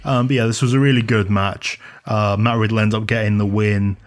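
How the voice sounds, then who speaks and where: Low-voiced man recapping wrestling matches. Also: steady tone, fairly quick. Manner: recaps matches in detail, many fillers and restarts. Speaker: podcast co-host. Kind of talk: casual wrestling review chat.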